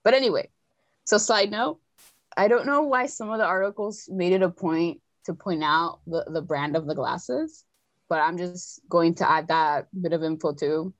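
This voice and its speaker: A woman's voice: fairly low pitch, moderate pace, dry recording, muffled recording. A young woman hosting a casual chat, telling a story with chatty asides. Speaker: podcast host telling a story.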